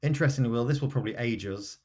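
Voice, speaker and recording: A middle-aged man in casual conversation about music as a podcast co-host. His pitch sits around the middle for a man, with an informal, conversational delivery. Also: very fast, darkish tone, a little hiss or hum.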